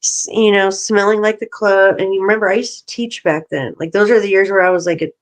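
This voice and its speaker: A woman's voice: medium pitch, fairly quick. Chatty woman telling a story. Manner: animated storyteller, acts out phone calls. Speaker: podcast co-host. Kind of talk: casual chat.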